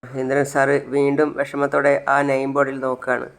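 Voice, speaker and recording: Gravelly male serial narrator. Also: mid-range voice, moderate pace. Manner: plain, steady retelling. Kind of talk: retelling a TV serial episode.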